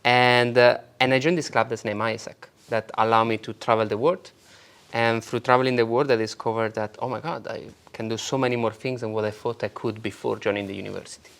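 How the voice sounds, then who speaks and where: Guest: man in his 30s, Italian accent, mid-range voice, animated and upbeat storyteller. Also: mid-range voice, fairly quick, gravelly. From Italy. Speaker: guest, marketing agency founder. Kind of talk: casual interview.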